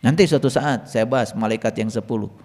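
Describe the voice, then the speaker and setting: A man teaching a religious lesson in sermon style, firing rhetorical questions at his listeners and reciting Arabic verses slowly and drawn out. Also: medium pitch. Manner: lively, fires rhetorical questions at the audience. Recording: long reverb, hall-like room.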